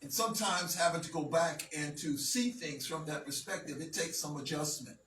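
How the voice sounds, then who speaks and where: A man teaching a language lesson to a class, speaking slowly and deliberately and often checking that everyone follows. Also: fairly high pitch, a bit bright. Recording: roomy, from a distance, faint noise.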